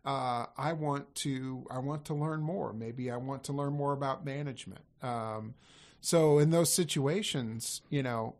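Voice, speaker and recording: A man's voice: mid-range voice, a little slow. A man talking casually on a podcast as a sales coach, rambling and correcting himself as he goes. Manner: rambling, self-correcting, laughs easily.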